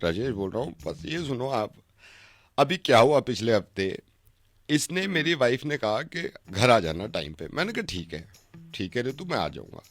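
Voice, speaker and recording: Radio host putting on an aggrieved husband caller. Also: male voice, medium pitch, sing-song, moderate pace, a bit bright, no echo, soft background music, voice pushed down. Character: aggrieved husband caller, touchy, quick to take offence. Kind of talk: radio prank call.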